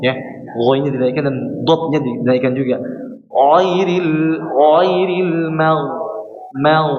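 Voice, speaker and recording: A man's voice: mid-range voice, slight background noise. Man teaching recitation in an echoey mosque hall. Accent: Indonesian. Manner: explains patiently, repeats sounds and chants verses slowly to demonstrate. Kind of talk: mosque class on Quran pronunciation. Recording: echoey hall, dull lo-fi sound.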